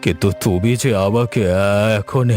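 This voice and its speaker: An actor playing a sensible, caring village gentleman with earnest delivery in a melodramatic audio story. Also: medium pitch, a little slow, faint music behind, lightly acted. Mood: sombre, concerned.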